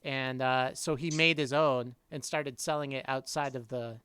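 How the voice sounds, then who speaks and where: A man's voice: mid-range voice, steady tone, moderate pace, pushed and bright, clean tone, dry recording. A man hosting a casual podcast chat, telling stories with a laugh. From not from Boston. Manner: chatty storyteller, laughs often. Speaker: podcast host.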